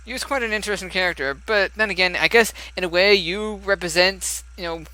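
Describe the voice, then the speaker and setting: Chatty high-voiced young man gaming. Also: fairly quick, sharp tone, dry recording, rough recording. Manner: chatty, laughs often, muses aloud. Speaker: let's play gamer. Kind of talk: casual game commentary.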